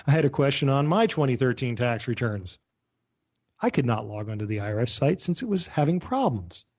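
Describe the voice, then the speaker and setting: A man with a medium-pitched, slightly mellow voice hosts a talk radio show from his home studio, talking over Skype. He chats casually with lots of fillers and small laughs.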